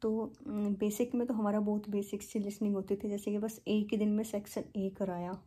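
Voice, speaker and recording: A young woman from India chats through a personal story in a casual vlog, her speech full of fillers and English words. Her voice is very dark and mellow with a husky grain. She keeps her pitch quite flat. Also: moderate pace. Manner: chatty, many fillers, mixes in English words. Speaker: vlogger.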